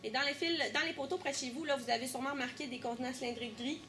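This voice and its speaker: A young woman with a Québécois accent guiding a tour group through an underground power station, lively, asking questions and teasing. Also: high-pitched, very fast, a little hiss or hum. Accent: Québécois French. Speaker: tour guide. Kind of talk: guided tour explanation.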